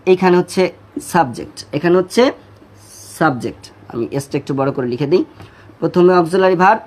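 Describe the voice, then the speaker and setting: A man's voice: high voice, a little mellow. Bengali-accented male teacher drilling English. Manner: repetitive, drills pronunciation slowly, addresses students directly. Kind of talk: online class lecture.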